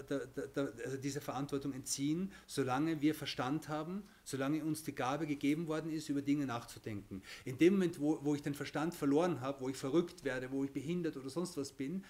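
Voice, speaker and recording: A man's voice: on the high side, brisk, few pauses, a little mellow. Man teaching a religious lesson. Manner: explains with everyday examples, many restarts and "okay?".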